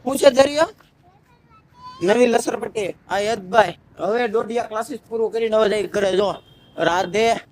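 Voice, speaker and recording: A man's voice: high-pitched, normal speed. A man films a casual vlog on his phone outdoors. He coaxes a small child in a teasing, sing-song voice, then chats to his viewers in a friendly way. Faint traffic noise sits behind him. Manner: playful, sing-song baby talk to the child, then chatty sign-off to viewers. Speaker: vlogger.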